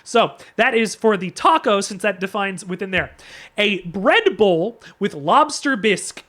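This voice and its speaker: A man's voice: high-pitched, animated, measured pace, fairly bright tone. Joking male streamer, stumbling restarts. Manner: joking mock-lecture with many restarts. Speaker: live streamer. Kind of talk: casual chat.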